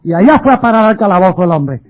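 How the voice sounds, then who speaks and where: A man's voice: high voice, expressive, quick pace, lo-fi sound. A man preaching a sermon as pastor, speaking emphatically and asking his listeners many rhetorical questions.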